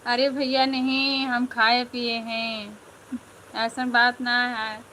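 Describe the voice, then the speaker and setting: High-voiced chatty woman live streaming. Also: little pitch movement, slow pace, pushed and bright, a little hiss or hum, poor audio. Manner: chatty, greets viewers by name. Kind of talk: casual live chat with viewers.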